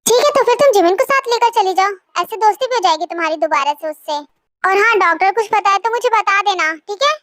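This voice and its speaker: A woman's voice: extremely high pitch, lively intonation, a little fast, a bit bright, no echo, clean studio sound. A young woman voicing a caring, worried mother who coaxes and soothes, in a storybook reading. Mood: coaxing. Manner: soothing, coaxing. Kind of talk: storybook voice acting. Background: faint background music.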